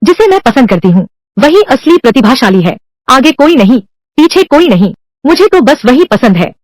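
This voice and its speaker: This is a headstrong young woman in a dubbed TV drama, pushing back hard against a marriage arranged by her father. The voice sits high and moves a lot between notes. The recording is dry and close, with no room sound. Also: big pitch swings, normal speed, darkish tone, no echo. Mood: insistent. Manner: defiant and insistent. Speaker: dubbing actress.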